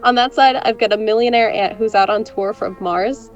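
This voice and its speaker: A young adult woman with a natural, mid-range voice plays a brash, sarcastic friend in a scripted romantic comedy audio drama, speaking at a moderate pace. She's sardonic, teasing, and animated. The sound is lo-fi, with faint music behind her.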